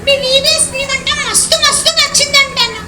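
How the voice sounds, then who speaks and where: Andy, a playful little boy puppet voiced by a puppeteer, squeaks in a high pitch with fairly even intonation and a brisk pace. Cheeky and chatty, he teases the kids and calls everyone brother. The live children's show was captured from afar in an echoey hall with lots of crowd noise.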